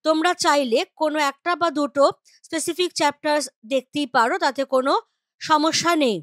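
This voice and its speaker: Woman teacher from West Bengal, high voice, dry close sound, patient lesson delivery. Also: brisk, fairly bright tone, no room sound. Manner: patient, explains with spoken examples. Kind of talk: grammar lesson explanation.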